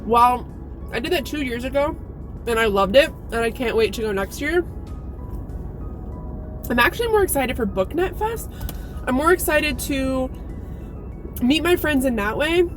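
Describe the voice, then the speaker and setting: Casual American female vlogger, higher-pitched, frank and sweary, in a car with music audible. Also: lively intonation, normal speed, long pauses. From Alaska, United States. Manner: candid, sweary, informal with emphatic asides. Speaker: YouTube book reviewer and vlogger. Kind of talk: casual vlog chat. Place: inside a parked car.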